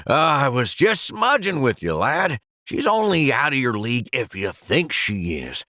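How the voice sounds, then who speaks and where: An actor playing an older male office pen in a cartoon, a calm, teasing mentor who keeps calling others lad. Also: medium pitch, slow pace, no room sound, studio quality, full character voice. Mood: coaxing. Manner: jokey, calls others lad and laddie. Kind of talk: animated cartoon voice acting.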